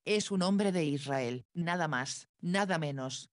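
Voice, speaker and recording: A woman's voice: sits low, takes it slowly. A woman reading the lines of an uneasy, touchy grown man who questions insistently, close to her own voice.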